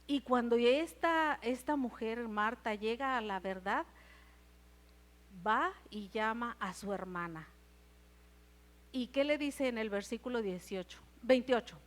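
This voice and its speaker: A woman with a Mexican Spanish accent preaches a Sunday sermon at a church service, her voice fairly high and her pace slow. She retells passages of scripture and keeps putting questions to the congregation.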